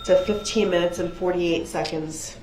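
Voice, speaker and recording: A woman speaks in a lowish voice, heard from a distance in an echoing room with faint noise. She is a prosecutor questioning a witness, formal and procedural in her delivery. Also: steady tone, normal speed, darkish tone.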